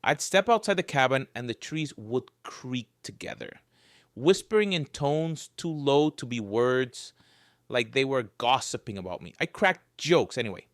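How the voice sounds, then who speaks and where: A man's voice: medium pitch, animated, a little slow, no echo, studio quality. Wry man narrating a horror story. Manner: wry, joking storyteller with dark humor. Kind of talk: scripted first-person horror narration.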